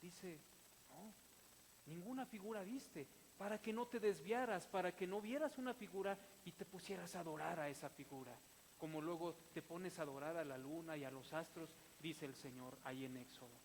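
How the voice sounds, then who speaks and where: A man preaching a sermon, mixing scripture with lively personal stories and laughing as he tells them. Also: fairly high pitch, a little fast. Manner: animated, breaks into laughter while telling stories. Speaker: pastor. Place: church sanctuary. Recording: church hall reverb with faint hiss.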